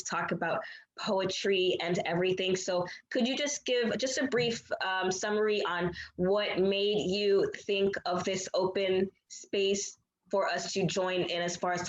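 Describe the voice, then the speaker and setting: A woman's voice: on the low side, reverberant, poor audio. A woman interviewer asking questions in a friendly, casual way with many fillers.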